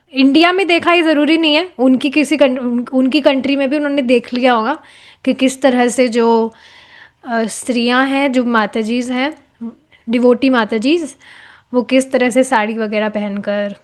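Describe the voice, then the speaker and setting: A woman's voice: a little high, fairly even intonation, measured pace. A woman explaining a devotional book to a class in a conversational way, slipping in English phrases and asking her listeners rhetorical questions.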